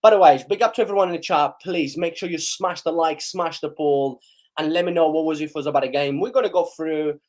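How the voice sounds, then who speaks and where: Brisk and on the high side, a young man leads a live football reaction stream with excitable enthusiasm despite a hoarse, failing voice. He urges his viewers to like and share the stream.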